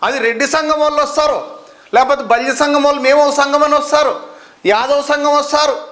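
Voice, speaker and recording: An indignant man, speaking very high in his range. His voice is bright and tense. He delivers an impassioned, rhetorical complaint to camera and keeps hammering the same questions. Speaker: citizen complainant at a district office.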